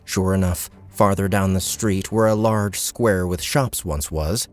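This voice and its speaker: A male audiobook narrator with a deep, low voice reads scripted fiction in a dramatic style. He keeps a measured pace, and faint music plays behind him.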